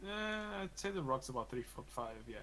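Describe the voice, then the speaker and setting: A man running a tabletop game as game master, relaxed and joking, often laughing. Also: sits high, normal speed, slight background noise, low-quality recording.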